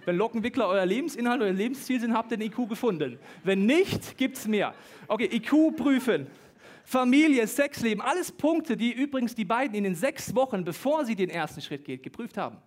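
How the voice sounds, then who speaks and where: Higher-voiced guy preaching, jokey, quick asides, lively. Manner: lively, joking asides, talks fast at times. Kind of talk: humorous sermon.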